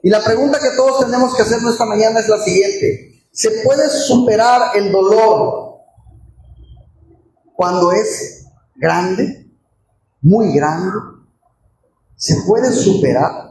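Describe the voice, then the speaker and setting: High-voiced preacher in an echoey church. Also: male voice, takes it slowly, long pauses, a little mellow. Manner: emotive storytelling with rhetorical questions. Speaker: pastor. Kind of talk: sermon. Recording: very echoey church with faint room noise.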